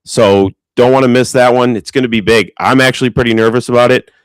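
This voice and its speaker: A man's voice: medium pitch, fairly even intonation, no room sound, poor audio. A man hosting a sports podcast, talking in a friendly, easygoing way. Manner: friendly, agreeable, quick asides. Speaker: podcast host. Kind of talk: casual sports talk.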